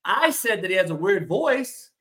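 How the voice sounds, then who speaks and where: A man hosting a casual sports debate, loud, opinionated and ribbing, blunt and profane, repeating his points for emphasis. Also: high voice, big pitch swings, moderate pace. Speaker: sports talk show host.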